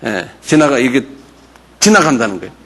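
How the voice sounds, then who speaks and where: A man's voice: mid-range voice, very animated, moderate pace, fairly bright tone. A man, a pastor, giving a Bible lecture and drilling his audience on English words for feast days, with many fillers and check-ins. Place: church or mission center lecture room.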